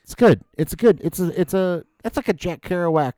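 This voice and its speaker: A man's voice: high voice, normal speed, mellow, no room sound. A man co-hosting a podcast, chatting casually and rambling while swearing freely. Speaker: podcast co-host. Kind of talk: casual chat watching a movie.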